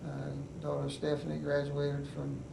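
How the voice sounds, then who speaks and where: A gravelly, slightly high-voiced older man from West Virginia, a veteran being interviewed, delivers his memories in a totally flat tone. His speech is slow and halting, broken by many pauses and fillers. Recorded from a distance in an echoey room, the audio is noisy.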